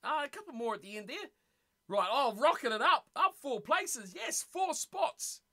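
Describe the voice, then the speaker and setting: A man's voice: very high-pitched, sing-song, moderate pace, pushed and bright. A man with a New Zealand accent hosting a rugby watch-party stream, chatting casually with viewers, teasing them and laughing often. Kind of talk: casual live-stream chat, reading chat aloud.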